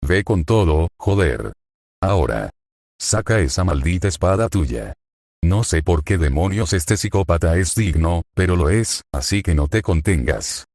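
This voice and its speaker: A man's voice: low voice, lively intonation, measured pace, darkish tone, no room sound, studio quality, heavily acted. A man voicing a furious, cursing young woman. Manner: harsh, cursing commands. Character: desperate, angry young woman giving orders.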